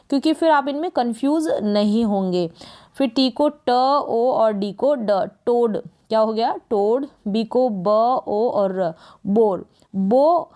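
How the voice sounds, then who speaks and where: A woman's voice: a little high, darkish tone. A woman with a Hindi accent teaching English phonics, spelling each word letter by letter and repeating it. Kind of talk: slow phonics lesson.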